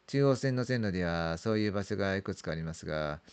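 A man's voice: deep voice, expressive, fast talker, smooth. A middle-aged man narrating a creepy ghost story in the manner of a veteran storyteller, drawing out words, repeating phrases and letting sentence ends trail off. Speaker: amateur ghost story teller. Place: small dark room indoors.

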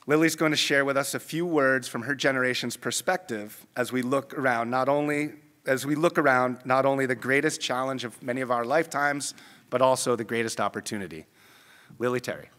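A middle-aged man at a conference podium, giving prepared welcome remarks in a measured, formal way. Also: medium pitch, a bit bright. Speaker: conference host. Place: large conference ballroom. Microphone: podium microphone. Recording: long hall reverb.

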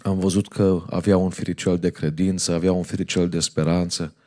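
A male preacher delivers a fervent sermon in a church. His voice sits low and sounds warm and dark. He moves between exhortation and storytelling. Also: little pitch movement. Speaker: pastor.

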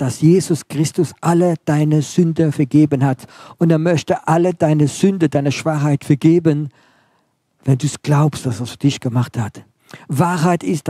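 A male preacher with a mellow, somewhat raised voice delivers a sermon. His delivery is emphatic, built on short repeated phrases, often sinking to a hushed intensity. The sound is dry and close. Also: on the high side, slightly rough, no room sound.

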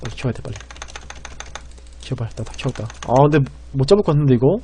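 A man streaming and commentating a game, rambling and excitable, swinging between loud panic and quiet muttering. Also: mid-range voice, fast talker, husky.

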